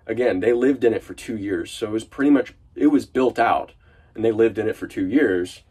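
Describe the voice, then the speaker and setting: Inside an unfinished van, a vlogger with a cold-stuffed, nasal voice rambles through an update, chatty and full of fillers and restarts. His voice is on the low side, brisk, mellow and slightly rough.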